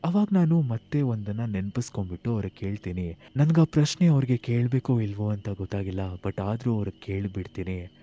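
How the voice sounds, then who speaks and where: A man narrating a first-person horror story with animated, tense delivery, acting out the dialogue himself. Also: fairly low pitch, a little fast, highs cut off.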